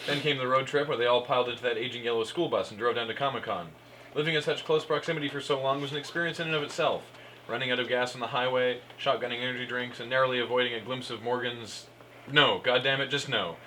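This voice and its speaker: Narrating fan fiction aloud at a live comic reading, this man speaks fast in a pushed, bright mid-range voice with fairly even intonation. He trips over lines with amusement and cues the other performers amid the noise of the live room.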